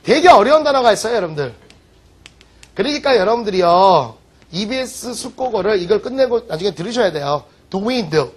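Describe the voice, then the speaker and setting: A man teaching vocabulary in an online lecture, joking and teasing his students with quick rhetorical questions. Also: high-pitched, very animated. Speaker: English teacher.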